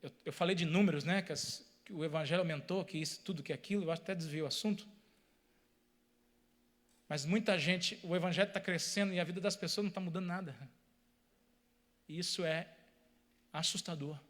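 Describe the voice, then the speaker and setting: A man's voice: sits high, a little fast, long pauses, a bit bright. A man preaching a sermon, speaking emphatically, repeating phrases and addressing the congregation directly.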